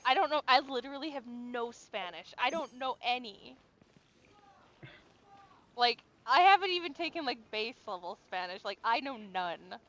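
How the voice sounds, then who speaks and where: A woman in her twenties chatting casually on a gaming stream, talkative and quick to laugh, filling her talk with "like". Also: fairly high pitch, animated, a bit bright, lo-fi sound. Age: 20s. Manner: chatty, laughs easily, lots of "like".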